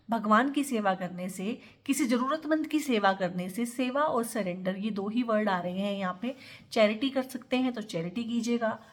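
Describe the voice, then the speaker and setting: A woman tarot reader giving an earnest, advising monologue, mixing English words into her Hindi. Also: on the high side.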